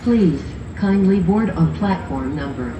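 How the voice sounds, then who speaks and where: A woman making a formal, measured train station announcement over a PA loudspeaker. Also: medium pitch, lively intonation, a little hiss or hum. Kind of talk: recorded platform announcement. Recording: echoey distant loudspeaker in station.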